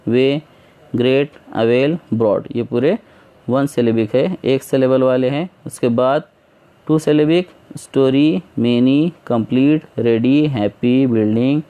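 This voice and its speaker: Slow, mellow-voiced male teacher. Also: medium pitch, clear, resonant tone. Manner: reads English aloud slowly, then explains in Hindi-Urdu; patient, step-by-step word lists. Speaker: school English teacher. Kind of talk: textbook exercise lesson.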